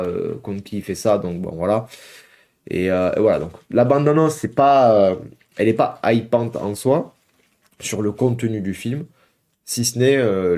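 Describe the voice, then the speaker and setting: A young man with a fairly low, mellow voice hosts a laid-back reaction video from home. He chats with his viewers, calls them "guys," and fills his talk with hesitations and filler words.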